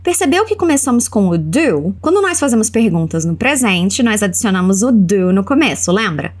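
A woman with a Brazilian accent teaching English in an audio lesson, saying model phrases slowly for the listener to repeat. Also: medium pitch, very animated. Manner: slow, carefully spelled-out model phrases for repetition.

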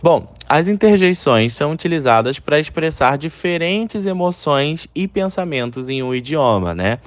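Man, Brazilian Portuguese accent, English teacher, friendly direct address, animated, dry close recording. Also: fairly high pitch, normal speed, no room sound. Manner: upbeat, chatty, addresses students directly. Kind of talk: online course lesson.

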